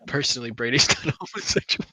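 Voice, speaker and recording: A man's voice: medium pitch, animated, quick pace, bright, forceful tone, slightly rough, dry recording, low-quality recording. A young man, co-hosting a podcast in a laid-back, joking way, sleepy. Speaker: podcast co-host. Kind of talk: casual chat.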